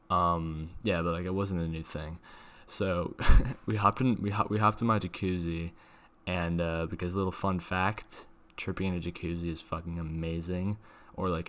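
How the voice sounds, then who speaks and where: A man's voice: low voice, a bit bright. A young man telling a casual, rambling story in a slangy, sweary way, leaning heavily on "like". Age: young adult. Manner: slangy, sweary, filler-heavy with "like". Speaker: video creator telling a personal story.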